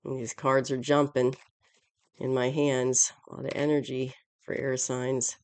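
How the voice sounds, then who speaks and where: Congested from allergies and a sore throat, a channel's tarot reader gives her casual weekly reading in a stuffy, odd-sounding voice, rambling and fixing phrases along the way. She speaks at mid-range pitch with a flat, unhurried delivery and a darkish tone, and there's no room sound.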